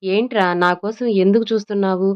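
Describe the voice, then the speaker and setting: ఒక మహిళ ప్రశాంతంగా, ప్రేమగా మాట్లాడే అక్క లాంటి యువతి పాత్రను చేస్తోంది. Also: female voice, medium pitch, fast talker, smooth, muffled recording, natural voice. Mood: gentle. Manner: calm, affectionate. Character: calm gentle young woman, kind big sister.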